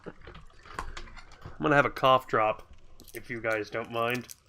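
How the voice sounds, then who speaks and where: Congested from a cold, a man plays a video game on a live stream and chats casually with viewers, rambling, grumbling, and occasionally cursing. His medium-pitched voice is steady, slow, bright, and forceful.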